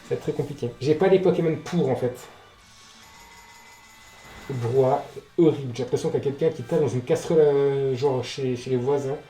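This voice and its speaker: A man doing casual let's play commentary, reacting out loud, swearing and talking to the game. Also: mid-range voice, brisk, long pauses. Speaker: gaming video host. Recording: roomy echo, game music behind. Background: game music.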